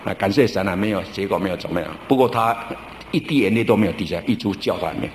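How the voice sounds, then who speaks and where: A middle-aged male pastor preaching a sermon in a relaxed, storytelling way, drawing out his sentence-end particles. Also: low voice, racing, slight background noise. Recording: roomy church recording with faint ambience.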